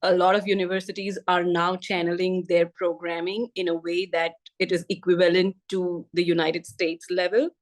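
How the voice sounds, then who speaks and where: A middle-aged woman from India with an Indian English accent, a physical therapist speaking as a podcast guest in a measured, steady way. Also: lowish voice. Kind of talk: podcast interview.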